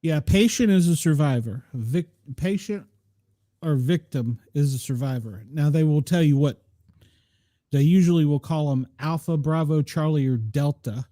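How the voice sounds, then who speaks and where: A man offers casual explanatory commentary. His voice is a bit high and very mellow. The sound is close and dry. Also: normal speed, no echo. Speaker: commentator explaining scanner traffic.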